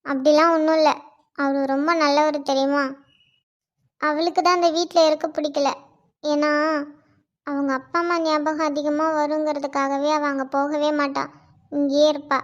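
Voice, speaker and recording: A woman voicing a young best friend in a cartoon, chatty and quick with retorts. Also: high voice, little pitch movement, natural voice. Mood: telling. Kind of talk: Tamil cartoon voice acting. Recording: dull lo-fi audio.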